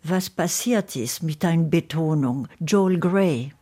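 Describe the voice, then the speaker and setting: A woman, a guest alongside her husband, explains things calmly in a radio interview. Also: sits low, slow, slightly rough. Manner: calm, explanatory, adds to her husband's answers.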